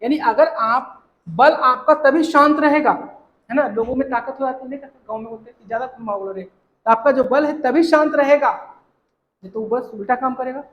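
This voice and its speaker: A teacher explaining a textbook lesson line by line, reading English lines slowly and checking understanding. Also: high voice, dull audio. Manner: explains with everyday examples, filler "है ना". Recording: roomy echo.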